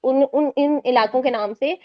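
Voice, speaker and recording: Lady teacher, high voice, walks the class thru it step by step, dry kinda lo-fi sound. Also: no echo. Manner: explains step by step, asks students to confirm. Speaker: Quran recitation teacher. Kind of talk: class lesson explaining exam answers.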